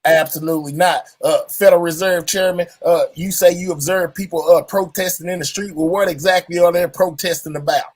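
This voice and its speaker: A high-pitched man with a drawl hosts a livestream in a mock-presidential tone. He is boastful and defiant and keeps repeating himself. The sound is dry and close. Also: fairly even intonation, fairly quick, hardly any pauses, no echo. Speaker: livestream host.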